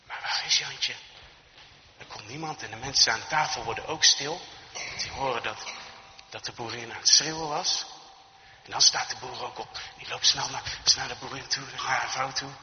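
A man's voice: medium pitch, moderate pace, sharp tone, a little hiss or hum. Hesitant male storyteller in an echoey hall. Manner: hesitant, repeats words. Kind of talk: improvised storytelling. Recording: echoey hall, dull lo-fi recording.

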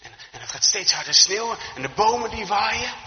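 A man's voice: high voice, expressive, brisk, bright, forceful tone. A man telling a Christmas story off the cuff, often repeating words as he goes. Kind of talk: improvised storytelling. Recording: echoey hall, dull lo-fi recording.

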